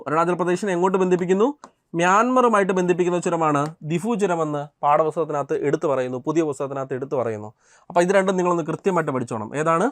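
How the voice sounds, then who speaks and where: A man's voice: high-pitched, dry recording. A young man teaching an exam prep lesson. He repeats each question and answer and checks in with his students.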